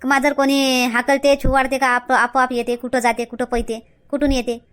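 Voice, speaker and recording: Nosy Varhadi village woman, high voice. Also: level tone, normal speed, fairly bright tone, clean tone. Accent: Varhadi Marathi. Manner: nosy, questioning, dismissive. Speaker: older aunt figure in a comedy sketch. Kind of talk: scripted comedy skit dialogue.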